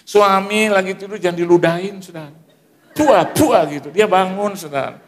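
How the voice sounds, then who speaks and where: A middle-aged man from Manado preaching a sermon in a lively storytelling style, with asides to the congregation. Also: high-pitched, a little fast. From Manado, Indonesia. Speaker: pastor.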